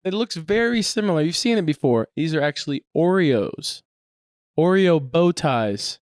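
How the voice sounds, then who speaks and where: A man's voice: fairly high pitch, expressive, normal speed, darkish tone, clear, resonant tone, no room sound, clean studio sound. A man with a Texan accent co-hosting a podcast, jokey and laughing a lot in casual chat. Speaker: podcast co-host.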